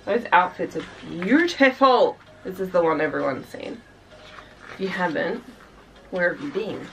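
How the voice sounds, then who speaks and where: A woman's voice: on the low side, a little slow, creaky, fairly bright tone, far from the mic, a little hiss or hum, low-quality recording. A young woman from Australia gushing and chatting casually while unboxing albums for her vlog, full of fillers and sighs. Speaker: K-pop reaction vlogger.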